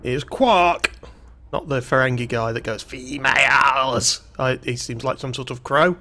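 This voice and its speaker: A man's voice: mid-range voice, moderate pace, fairly bright tone, soft background music. Wry man joking through a game. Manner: wry, jokey asides while reading game text. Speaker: streamer playing a game. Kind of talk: casual let's-play commentary.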